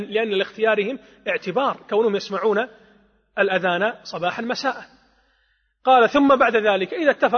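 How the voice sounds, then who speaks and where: A man teaching a religious law lesson, explaining step by step and counting along with his listeners. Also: high-pitched. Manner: explanatory, counts along with listeners, demonstrates the call softly and aloud. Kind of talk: Islamic jurisprudence lesson. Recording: echoey hall, muffled lo-fi sound.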